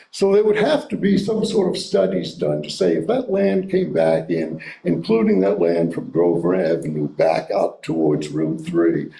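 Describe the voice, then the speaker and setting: In a library meeting room, a man delivers a local history lecture and takes audience questions, thoughtful and hedging, often restarting phrases. His voice is a little high, creaky and dark in tone, and the echoey room carries a faint hiss.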